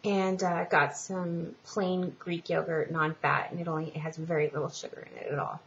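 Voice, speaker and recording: Casting: female vlogger, lowish gravelly voice, halting and rambling, casual update delivery. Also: level tone. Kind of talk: casual personal update vlog. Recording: muffled, lo-fi home recording with hiss.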